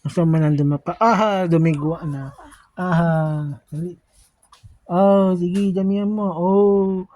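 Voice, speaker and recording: Woman, unhurried speech, cooing, coaxing, encouraging a baby, casual home video. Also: lowish voice, steady tone, mellow, highs cut off. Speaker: parent filming a baby.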